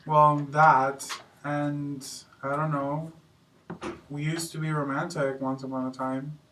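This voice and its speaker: An actor playing a blunt, dismissive husband in a marriage-counseling role-play, hesitating with fillers. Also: male voice, a little high, flat delivery, slow, fairly bright tone. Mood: wistful. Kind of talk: amateur improvised role-play. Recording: roomy, distant mic, faint background noise.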